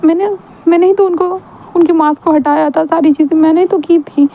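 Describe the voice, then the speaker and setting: A woman's voice: very high voice, fairly even intonation, a little fast, warm tone, pitched above the performer's own voice. A woman voicing an earnest young man who stammers out anxious, pleading questions.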